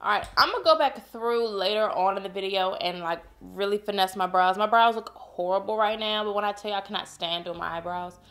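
Talking a little fast with hardly any pauses, a beauty vlogger gives a playful, chatty makeup tutorial from her home. Her medium-pitched voice is fairly bright yet a bit congested, and she calls her viewers y'all.

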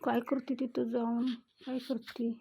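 A woman's voice: on the high side, little pitch movement, a little slow, vocal fry, warm tone, slightly rough. A woman chatting to her pet cat, chiding and then doting on it as if it were a child. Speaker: vlogger talking to her cat. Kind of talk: casual scolding and cooing to a pet.

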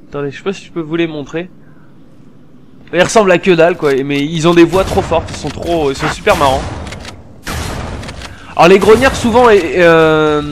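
A man hosting a gameplay video, chatty and excitable, peppering his casual commentary with slang, swearing and fillers. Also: a little high, a little hiss or hum. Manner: many fillers while explaining.

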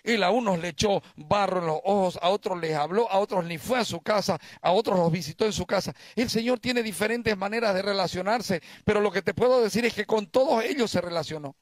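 High-voiced pastor preaching a sermon. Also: male voice, fairly quick, hardly any pauses, no echo. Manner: preaching with rhetorical questions to the congregation.

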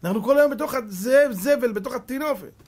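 A man voicing a distraught young man who cries and shouts in pleading, anguished outbursts. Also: very high voice, pitched above the performer's own voice.

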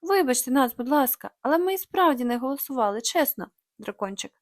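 Білий клоун у виконанні жінки, чемний і благальний. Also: female voice, high-pitched, animated, brisk, no echo, studio quality. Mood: pleading. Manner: pleading, fussy.

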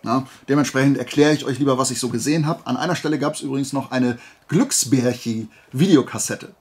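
This creator's voice is medium-pitched, darkish, slightly rough, and a little fast as he presents flea market finds. The chat is casual and rambling, playful and colloquial, with frequent little tangents.

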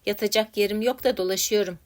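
A woman voicing a ruined, despairing middle-aged man who answers in quiet, broken replies. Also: mid-range voice, fairly even intonation, quick pace, lightly acted. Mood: weary.

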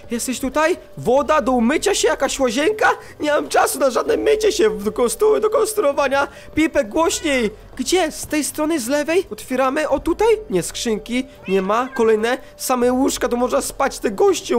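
A young man with a high-pitched voice narrates his Minecraft adventure in an excitable, dramatic way. He often slides up into a sing-song voice when he calls out. Soft music plays underneath. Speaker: gaming YouTuber. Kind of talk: Minecraft let's play commentary.

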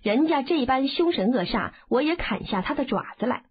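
A woman voicing a haughty, quick-tempered young swordswoman who scolds scornfully. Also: high-pitched, lively intonation, slightly rough, heavily acted. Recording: phone-like narrow band.

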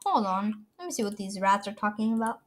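A young woman chatting casually with a friend while playing an online game, excitable and fond of saying "bro". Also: mid-range voice, brisk, background noise. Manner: excitable, says "bro" a lot. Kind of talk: casual gameplay chat with a friend. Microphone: gaming headset mic.

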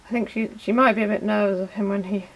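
A woman's voice: mid-range voice, fairly even intonation, fast, creaky, poor audio. A woman, hosting a casual video and fondly chatting to her pet. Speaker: video host. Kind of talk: casual chat to camera.

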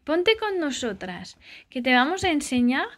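A woman, a vlogger and mother, chatting softly and dotingly with a child and her viewers. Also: high-pitched, sing-song, unhurried. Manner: doting and soft, speaking as to a small child. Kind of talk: casual chat with a child and viewers.

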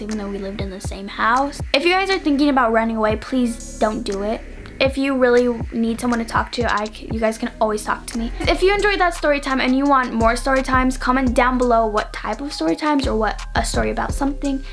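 A woman's voice: a little high, a bit bright. A young woman vlogger telling a personal story in a casual, rambling way, dropping "like" into nearly every phrase.

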